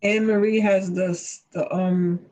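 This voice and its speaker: A woman on a video call, her voice echoing and garbled into a robotic sound by a second device, halting as she searches for words. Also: medium pitch, steady tone, a little mellow. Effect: echoing, robotic audio from a second device. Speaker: council subcommittee member. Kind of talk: video-call meeting chat.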